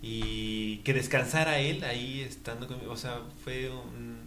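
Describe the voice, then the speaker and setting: Young man, halting fillers, echoey room. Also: medium pitch, steady tone, a little hiss or hum. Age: young adult. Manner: halting, many fillers, warm laughs. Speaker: guest, new father. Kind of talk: casual interview chat.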